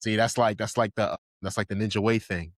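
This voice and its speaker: A man's voice: on the low side, steady tone, brisk, dry recording. A man co-hosting a casual podcast chat, rambling with lots of fillers and enthusiasm. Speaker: podcast co-host. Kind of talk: casual chat about anime.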